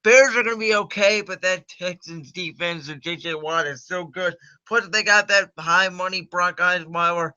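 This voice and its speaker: Bright high-voiced man with muffled sound. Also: normal speed. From Cleveland, United States. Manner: chatty, confident, says "man" a lot. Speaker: host. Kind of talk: casual sports predictions livestream.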